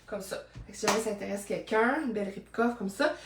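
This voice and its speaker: A woman's voice: mid-range voice, fast, noisy background. A woman with a Québécois accent chatting playfully as she tries on secondhand clothes, talking to a camera across an indoor room. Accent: Québécois French. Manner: playful, chatty, jokes to herself. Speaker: vlogger showing secondhand clothes. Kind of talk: casual fashion try-on chat. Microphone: camera at a distance. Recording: roomy echo from mic distance.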